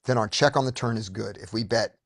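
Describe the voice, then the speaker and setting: A man's voice: fairly low pitch, fairly quick, vocal fry, no room sound, clean studio sound. A man leading a poker study group on a video call, explaining step by step with frequent restarts. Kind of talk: casual teaching discussion.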